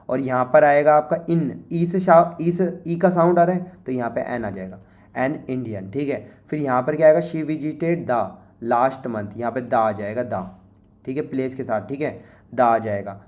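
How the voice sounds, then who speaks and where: A man with an Indian accent, teaching by walking through an exam paper in a chatty way, often saying "okay" and reading English lines slowly. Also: medium pitch, darkish tone, lo-fi sound. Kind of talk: exam paper walkthrough lesson.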